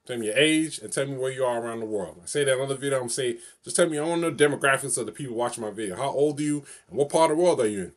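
A New York City man in his forties vlogs casually to camera from his small bedroom, talking very fast in a mid-range voice with few pauses. He rambles repetitively, looping back over the same phrases again and again.

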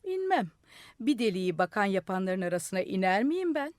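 A woman voicing a stubborn, gleeful madman who shouts down defiant demands from a rooftop, read in a radio studio. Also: mid-range voice, big pitch swings, normal speed, no room sound, lightly acted. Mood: defiant shouting.

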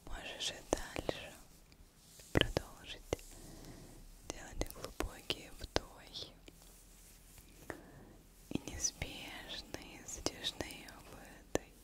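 A woman in her twenties doing ASMR in a barely audible, breathy whisper very close to the microphone, soothingly lingering on and repeating words. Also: very slow, long pauses. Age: 20s. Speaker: ASMR host. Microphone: close pair of microphones with foam covers.

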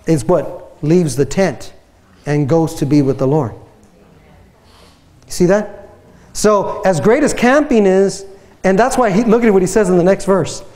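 A man in his fifties, a pastor preaching a playful, animated sermon on a church stage into a headset mic, often asking the congregation questions. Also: high-pitched. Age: 50s. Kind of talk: sermon with a tent prop.

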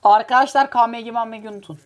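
A woman giving excitable, joking gameplay commentary as host of her gaming channel, teasing and cursing at rival players. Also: a little high, fast.

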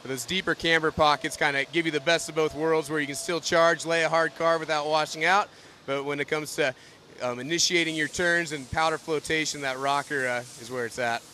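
A man who manages a factory, explaining the production steps in a steady, knowledgeable way. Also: fairly high pitch, fairly quick, slight background noise. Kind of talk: technical explanation.

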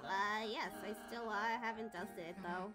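A woman voicing a polite, earnest young goat prince in a video game, courteous and gently scolding. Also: medium pitch, fairly even intonation, a little slow, over music, close to an everyday voice.

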